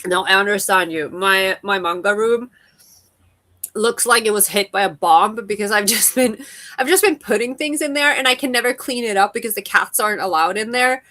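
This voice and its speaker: A woman's voice: mid-range voice, moderate pace, sharp tone. A woman co-hosting a podcast in loose, casual conversation. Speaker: podcast co-host. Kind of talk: casual chat.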